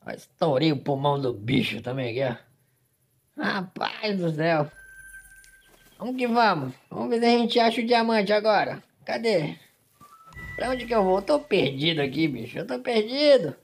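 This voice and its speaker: A man's voice: sits high, lively intonation, normal speed, slight background noise. Man, gaming host, overexcited, exclamatory, emotional play-by-play commentary. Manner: exclamatory, emotional, fills lines with "rapaz". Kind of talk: excited hunting-game commentary.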